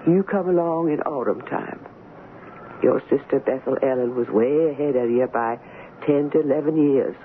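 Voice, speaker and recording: In a 1940s radio play, an actress with a bass voice plays a gentle, sorrowful older servant woman. She speaks in dialect, slowly and tenderly, with a grave mood. The broadcast sounds tinny and old, with a faint hiss.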